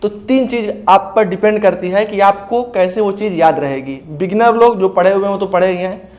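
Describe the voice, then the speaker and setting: High-voiced man coaching exam aspirants. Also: fairly quick, a little mellow. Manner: explains step by step, often says "ठीक है भैया". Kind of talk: casual spoken advice talk.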